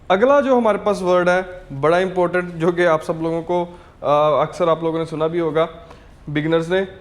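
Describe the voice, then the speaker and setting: A man teaching a beginner language lesson, patiently repeating each word over and over. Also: high-pitched. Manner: patient, drills words over and over. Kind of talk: slow repetitive language lesson.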